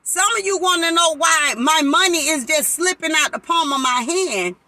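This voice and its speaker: A woman's voice: high voice, moderate pace, bright, forceful tone, no room sound. A woman, preaching in a sermon-style live talk and fervently acting out voices.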